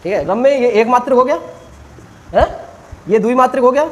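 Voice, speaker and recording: A man's voice: extremely high pitch, brisk, a little mellow, rough recording. A man teaching a classroom grammar lesson, quizzing students with short questions and stretching vowels out to demonstrate.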